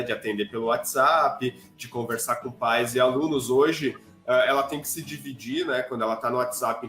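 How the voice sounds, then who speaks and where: A man's voice: mid-range voice, a bit bright. Southern Brazilian man in an echoey room. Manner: measured, introduces the guest, many tag questions. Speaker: co-host and school staff member. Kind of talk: casual online live talk. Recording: roomy echo.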